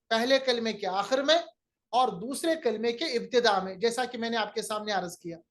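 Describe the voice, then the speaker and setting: A man's voice: very high voice, fairly bright tone. A man teaching a lecture on recitation rules, patiently repeating each rule and drawing out syllables to model the sounds.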